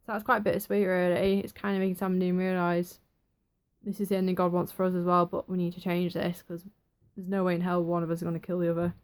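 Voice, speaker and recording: A woman's voice: fairly low pitch, fast, smooth. Chatty young woman reviewing TV. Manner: chatty, excitable, acts out quotes. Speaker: TV episode reviewer. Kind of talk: casual review monologue.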